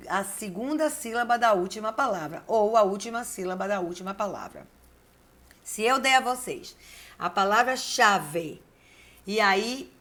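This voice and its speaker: A woman, a teacher giving a video lesson, who dictates slowly and repeats key words syllable by syllable while encouraging her class. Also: mid-range voice, fairly bright tone. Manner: encouraging, addresses the class directly. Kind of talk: video lesson with word exercises.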